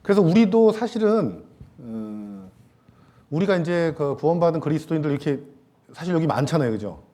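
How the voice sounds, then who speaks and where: A man preaching a Sunday sermon in a church, with a mellow, relaxed tone. He talks casually with the congregation, tosses in light jokes, and trails off into soft fillers between thoughts. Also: fairly high pitch, moderate pace. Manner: casual, joking asides to the congregation; many hesitation fillers, trailing off softly. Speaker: pastor. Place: church sanctuary.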